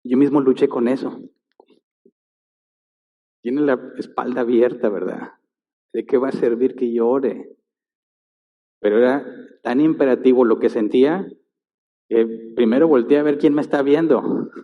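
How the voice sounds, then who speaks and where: A man's voice: mid-range voice, fairly even intonation, measured pace, pauses often. A male pastor, telling a story in a sermon and acting out the sounds and voices in it. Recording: tinny sound in a reverberant church hall.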